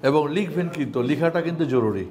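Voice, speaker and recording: A Bangladeshi Bengali man teaches adult students to read Arabic letters, chanting each spelling in a sing-song drill. His voice sits high for a man. Other students can be heard clearly around him in the class. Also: expressive, fast talker, a crowd in the background. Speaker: Quran reading teacher.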